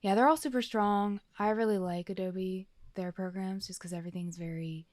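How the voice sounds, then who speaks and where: A woman's voice: medium pitch, steady tone, normal speed, a little mellow, no room sound. A woman co-hosting a podcast, chatting casually in a playful, rambling, joking way. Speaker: podcast co-host. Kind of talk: casual chat.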